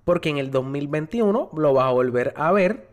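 A man's voice: a little high, animated, normal speed. A man chatting about a film on a podcast, playful and joking, swearing and tossing in English words. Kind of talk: casual film review chat.

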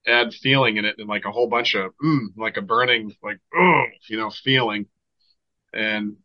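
A man's voice: on the low side, steady tone, normal speed, highs cut off. A man from Boston with a Boston accent, a Reiki healer talking casually and enthusiastically as a podcast guest. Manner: enthusiastic, chatty, restarts often. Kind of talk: casual conversation.

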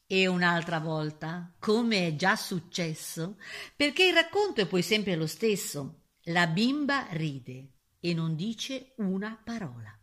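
A woman's voice: lowish voice, sing-song, takes it slowly, a bit bright. A woman reading a rhyming fairy tale aloud, playful and theatrical. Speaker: storyteller.

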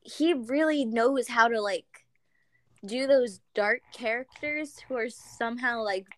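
Brief: young woman, light higher voice, slow unhurried delivery, giggly, dry close sound. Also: dry recording. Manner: giggly, gushing, trails off with "like". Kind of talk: casual chat.

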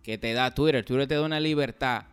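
A man with a Dominican accent in a casual, slangy, animated group chat, speaking as a podcast host. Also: mid-range voice, fairly quick, faint music behind. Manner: slangy, animated, jokingly acts out imitations.

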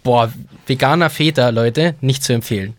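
A man's voice: medium pitch, moderate pace, no room sound. A man co-hosting a casual ice hockey podcast, laughing often and mimicking voices as he tells stories. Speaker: podcast co-host.

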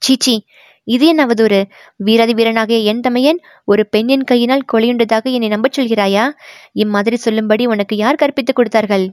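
A woman's voice: fairly high pitch, fairly even intonation, normal speed, darkish tone, dry recording, clean studio sound, natural voice. Woman voicing a proud stern princess. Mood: reproachful. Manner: stern, reproachful.

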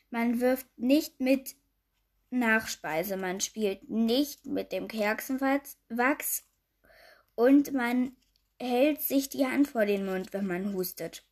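A woman voicing a fussy, prim queen who is anxious about manners, reading the rules aloud a little louder. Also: a little high.

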